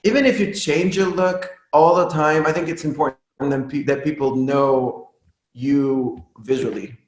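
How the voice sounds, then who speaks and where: A man's voice: fairly high pitch, fairly even intonation, unhurried. A man of twenty-five, a musician, chatting candidly and jokily as an interview guest. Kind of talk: casual interview chat. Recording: roomy echo.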